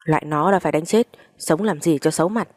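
A woman voicing an enraged village father who yells at his daughter. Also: low voice, fast, no room sound, clean studio sound. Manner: yelling.

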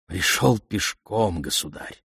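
A man voicing an old, weather-beaten royal messenger who speaks slowly and deferentially. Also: lively intonation, vocal fry, a bit bright, husky, dry recording, studio quality, exaggerated voice. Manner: deferential, slow and low.

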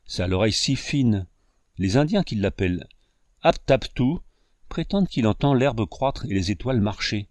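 A man doing a calm young woodsman. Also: on the low side, moderate pace, dry recording, studio quality, close to an everyday voice. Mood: knowing.

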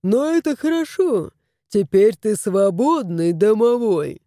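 A woman's voice: medium pitch, expressive, slow, warm tone, no echo, studio quality. Woman doing a cocky hairless tomcat. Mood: bossy. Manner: blunt, mocking, bossy. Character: brash hairless male sphynx cat, cocky.

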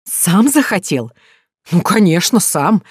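Narrator voicing a spiteful, loud ex-husband in a dry audiobook read, higher than the narration. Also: male voice, sing-song, slow pace, breathy edge, no echo, full character voice. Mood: venomous rage. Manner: shouting, venomous, contemptuous. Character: furious abusive ex-husband, grown man.

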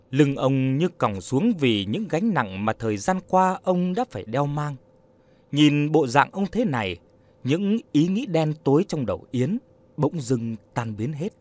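A man narrating a scripted story in a steady storytelling manner. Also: medium pitch.

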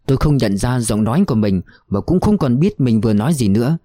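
A man narrating a war novel in a somber, steady reading voice. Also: mid-range voice, fast, no echo, clean studio sound. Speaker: audiobook narrator.

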